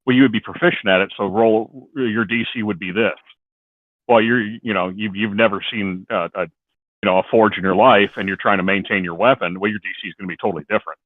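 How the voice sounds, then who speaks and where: A man with a fairly low voice talks casually, rambling through rule examples. He comes over a thin, phone-like line. The sound is dry, with no room around it. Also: brisk, dry recording. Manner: rambling, explains with worked examples. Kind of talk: casual chat.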